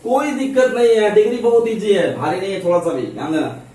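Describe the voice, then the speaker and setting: High-voiced Hindi-accented teacher, echoey room. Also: male voice, quick pace, mellow. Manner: keeps asking questions and answering them himself; calls listeners babu and chhotu affectionately. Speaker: English grammar teacher. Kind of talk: classroom-style grammar lesson. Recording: very echoey room, mic at a distance.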